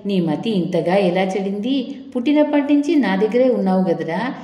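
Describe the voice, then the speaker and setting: A woman's voice: mid-range voice, expressive, normal speed, dark tone, lightly acted. Woman voicing an anxious old mother pleading. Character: worried old mother pleading with her son. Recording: echoey room with long reverb.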